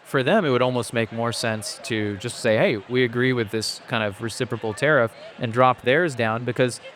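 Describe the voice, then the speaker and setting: A podcast guest who founded a company and grew up in Asia speaks at a moderate pace in a medium-pitched, fairly bright voice. Talking at length in a casual interview, he is thoughtful and frequently restarts. The recording has a little hiss or hum.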